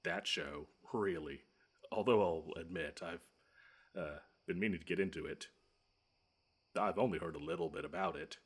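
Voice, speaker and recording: Animated and exaggerated, a man's husky, low voice brings to life a grudging, grumpy monster under a child's bed. The scripted audio roleplay monologue is pompous and verbose, with drawn-out menace and dry sarcasm.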